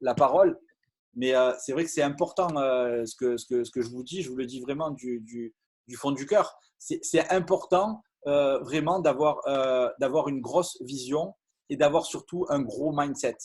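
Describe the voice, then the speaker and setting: A man's voice: medium pitch, moderate pace, a little mellow, slightly rough. A man giving an earnest motivational talk on a video call, with many fillers and restarts. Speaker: business opportunity speaker.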